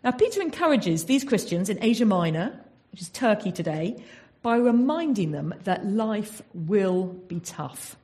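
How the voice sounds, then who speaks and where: Her voice is medium in pitch and dark in tone, very animated yet unhurried. She's an English woman preaching a Bible-based sermon, teaching earnestly and frequently asking rhetorical questions.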